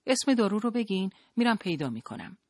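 A narrator playing a desperate woman begging for help, her voice raised, high and urgent. The audiobook reading is dry and close. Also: big pitch swings, no room sound.

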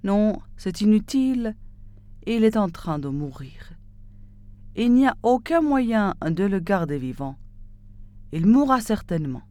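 A woman's voice: mid-range voice, big pitch swings, unhurried, long pauses, dark tone, dry recording. A woman voicing a weeping, miserly man in a spoken fairy tale, delivering his lines in a plaintive, tearful way. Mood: resigned. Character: weeping, stingy man grieving his dog.

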